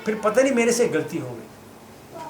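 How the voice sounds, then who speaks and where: Animated storytelling man, echoey room. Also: sits high, measured pace. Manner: animated, laughing, acts out dialogue; mixes Hindi with English phrases. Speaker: speaker at a scripture class. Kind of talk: humorous personal storytelling. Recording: echoey room with background noise.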